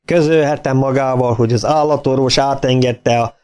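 A man's voice: medium pitch, fairly even intonation, darkish tone, clear, resonant tone, close to an everyday voice. Man voicing a blustering rich bully of a father. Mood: domineering. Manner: domineering, blustering. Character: big fat rich self-assured father, bullying.

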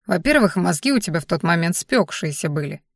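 A woman voicing an elderly father-in-law who talks briskly, grumbles and reassures, in an audiobook. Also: lowish voice, animated, gravelly, no echo, studio quality. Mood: gruffly reassuring. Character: elderly male father-in-law, gruff but caring.

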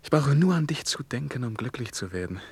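An actor playing a brooding, lonely young lieutenant in a 1950s German radio play, speaking earnestly and with feeling. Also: male voice, mid-range voice, animated, brisk, slightly rough. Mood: devoted. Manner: earnest, emotional, at times softly murmured. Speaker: lead character and first-person narrator.

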